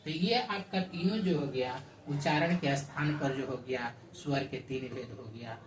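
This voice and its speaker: A man teaching a Hindi grammar lesson, explaining slowly and repeating himself with many fillers. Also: mid-range voice, slight background noise. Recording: echoey room, voice far from mic.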